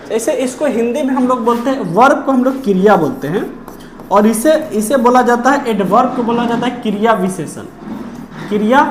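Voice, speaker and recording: A woman with a slightly high voice teaches a grammar lesson in an echoey room. She keeps asking questions and answering them herself, and drags out key terms word by word for emphasis. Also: slight background noise. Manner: repeats key terms slowly.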